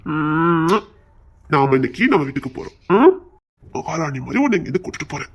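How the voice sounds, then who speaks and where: A woman voicing a tender, protective young husband, speaking softly and affectionately in an audio story. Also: fairly low pitch, sing-song, unhurried, husky, highs cut off, pitched below the performer's own voice, exaggerated voice. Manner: soft, affectionate, murmuring. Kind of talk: audio story role-play.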